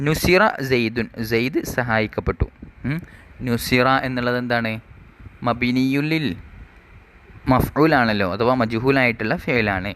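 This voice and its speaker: A man gives an Arabic grammar lesson, reading the rule text slowly before explaining it, and he poses questions only to answer them himself. His voice sits in the mid range and sounds a bit bright.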